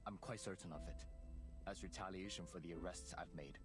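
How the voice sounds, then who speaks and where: A proud young officer in a video game, voiced by a man with a somewhat low voice and formal, earnest phrasing. He speaks as one sure of his duty. Game music plays under him. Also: brisk, close to an everyday voice. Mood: indignant. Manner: formal, indignant.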